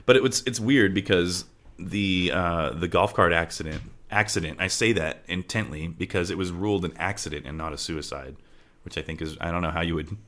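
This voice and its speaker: Low-pitched, a little quick and somewhat bright, a man co-hosts a true-crime show from his home, where farm animals can be nearby. He chats loosely, leans on "right?" a lot, and occasionally lets a sentence drift off into a laugh.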